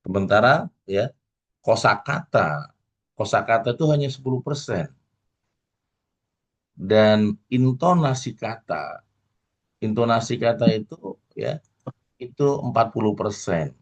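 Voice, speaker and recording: Low-voiced middle-aged man coaching. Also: lively intonation, a little slow, pauses often. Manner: addresses the audience warmly, full of "ya" tags and acted examples. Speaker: motivational coach and lecturer. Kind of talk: motivational lecture. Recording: dull lo-fi recording.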